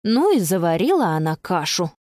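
A woman narrating a children's audiobook with expressive storytelling. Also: fairly low pitch, normal speed, no echo, clean studio sound. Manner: expressive storytelling, bright voice for the girl. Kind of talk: scripted narration.

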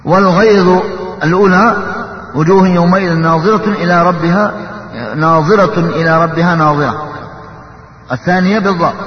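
A man's voice: on the high side, a little hiss or hum. Man teaching tajwid in an echoey hall. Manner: explains letter articulation, breaking into slow chanted recitation. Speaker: Quran recitation teacher. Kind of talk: tajwid lesson. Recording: echoey hall, dull lo-fi sound.

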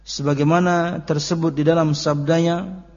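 A man giving a religious study lesson, reciting Arabic passages slowly and then explaining them in casual, conversational speech. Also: a little high, level tone, darkish tone. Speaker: Islamic teacher. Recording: lo-fi recording with long hall reverb.

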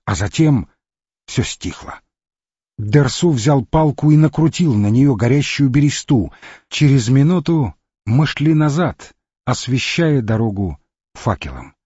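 A man narrates an expedition memoir in a measured, steady audiobook reading. His voice is husky and dark. The recording is dry and dull, with a lo-fi edge. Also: medium pitch, no room sound. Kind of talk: scripted narration of an adventure memoir.

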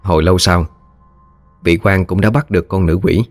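Male storyteller, low voice, lively colloquial narration, dry audio over music. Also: normal speed, dry recording. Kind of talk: scripted ghost-story narration.

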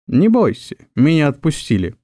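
A man's voice: on the high side, huge pitch swings, normal speed, mellow, no room sound, studio quality. A man voicing a tipsy, swaggering male office clerk who talks in a cocky, mock-tough way.

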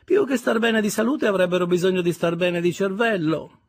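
A man voicing a sour, prim, gossipy spinster in a high, tart, sighing voice. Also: fairly quick.

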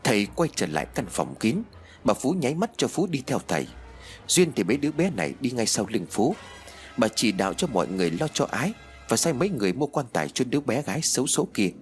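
Expressive male horror audiobook narrator. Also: medium pitch. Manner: expressive, dramatic storytelling.

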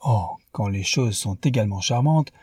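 A man's voice: lowish voice, lively intonation, normal speed, a little mellow, breathy edge, no room sound, clean studio sound. Man doing a simpering young English lord. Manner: foolish, blunt.

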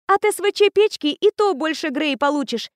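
A woman voicing an excitable fifteen-year-old girl who gushes about medicine in a rapid, eager chatter. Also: high-pitched, dry recording, clean studio sound, pitched above the performer's own voice. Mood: reassuring. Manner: rapid, gushing, breathless enthusiasm.

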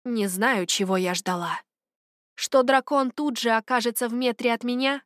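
A woman's voice: fairly high pitch, moderate pace, a bit bright, dry recording, clean studio sound. Woman reading a dramatic story. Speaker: audiobook narrator. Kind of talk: first-person fiction narration.

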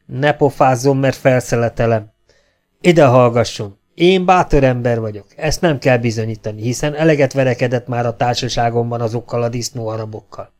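A man reading an audiobook, voicing a gruff, grumbling legion sergeant who blusters and threatens. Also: mid-range voice, a little mellow, close to an everyday voice.

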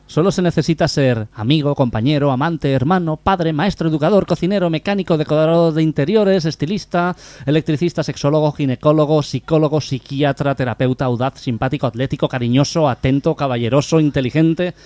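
A man reads out jokes on a comedy radio show, keeping a steady, deadpan delivery. His voice sits a little high for a man, and the studio sound is dry and close. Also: brisk, no room sound. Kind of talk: joke telling on radio.

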